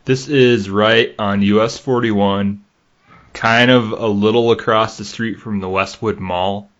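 A man's voice: fairly low pitch, steady tone, a little slow, fairly bright tone. A young man from Michigan's Upper Peninsula with a Yooper accent, chatting casually and rambling as a podcast host. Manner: chatty, rambling, laughs easily. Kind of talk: casual chat, quizzing co-host. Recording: dull lo-fi podcast audio.

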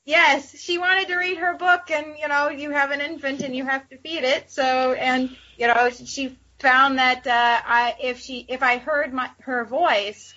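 A woman's voice: high voice, steady tone, unhurried, few pauses, bright, forceful tone. A woman player chatting casually at a tabletop game, hesitant and full of fillers. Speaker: player, publisher. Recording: dull lo-fi audio.

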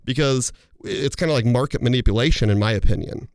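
A man's voice: medium pitch, fast talker, darkish tone, dry recording, clean studio sound. Rambling man hosting a money talk show. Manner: rambling, explains with analogies, many fillers and restarts. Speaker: financial advisor and show host. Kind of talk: casual radio talk show chat.

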